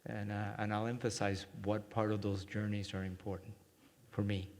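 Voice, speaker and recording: A man from Cuba giving a workshop talk and guiding a short meditation, speaking gently and reflectively with many pauses. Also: on the low side, little pitch movement. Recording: long hall reverb.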